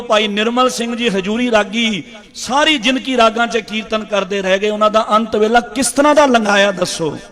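A man's voice: sits high, a bit bright. A man giving an impassioned religious speech, fervent and repetitive, rising to emphatic peaks. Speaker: Sikh preacher.

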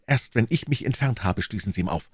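A man's voice: lowish voice, lively intonation, brisk, slightly rough, no echo, studio quality, voice pushed up. A man voicing a bold, devoted young swordsman in an audiobook, eager and declamatory. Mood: ardent. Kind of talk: audiobook reading, acted dialogue.

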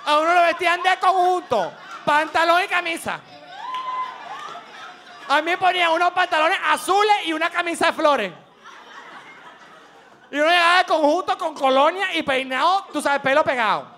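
Bright high-voiced Venezuelan man. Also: normal speed, pauses often, some chatter behind, slight background noise. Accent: Venezuelan Spanish. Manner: animated, laughing, drops into mock voices. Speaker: comedy show host. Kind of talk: comic monologue with acted-out voices.

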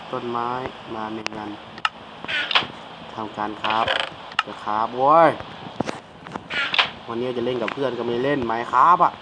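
A man's voice: medium pitch, a little slow, pauses often, very noisy. A young man casually commentating a phone game at home, crude and joking, talking to himself and his viewers, speaking away from the mic. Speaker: mobile game streamer. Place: home game-casting room.

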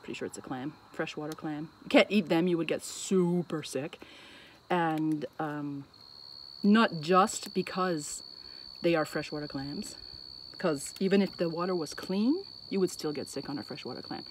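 This vlogger, an Acadian Canadian woman, talks casually outdoors on a bridge over water, thinking as she speaks and breaking off mid-thought. Her voice is low-pitched and her pace moderate. It's a noisy phone recording, with the phone set on the bridge catching traffic and insect sounds.

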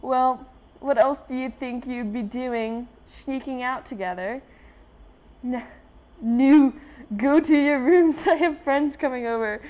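A woman's voice: high voice, slow, darkish tone, muffled recording, voice pushed up. A woman voicing a bratty, bossy older sister who snaps orders at her siblings. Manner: bossy, snippy.

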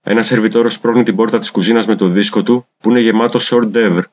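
A man reading translated poems aloud in a measured, deliberate recitation. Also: fairly low pitch, fairly even intonation. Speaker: poetry reader. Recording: dull lo-fi recording.

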